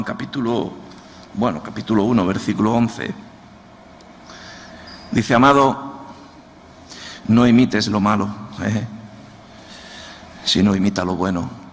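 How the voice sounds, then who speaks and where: A man, a pastor with an Andalusian accent, preaching a sermon, often repeating words as he searches for them and asking the congregation to answer back. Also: lowish voice. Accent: Andalusian Spanish. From Andalusia, Spain. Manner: asks the congregation for response. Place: church hall. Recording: church hall with long reverb, faint noise.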